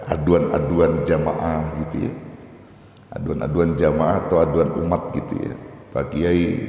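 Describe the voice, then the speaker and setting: Man preaching in an echoey hall. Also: on the low side. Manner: colloquial, animated preaching with mock-angry quotes. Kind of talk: sermon.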